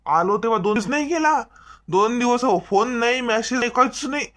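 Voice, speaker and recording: A voice actor playing a heartbroken young husband in an animated comedy, whiny and tearful, with a Varhadi Marathi accent. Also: male voice, extremely high pitch, brisk. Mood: resentful.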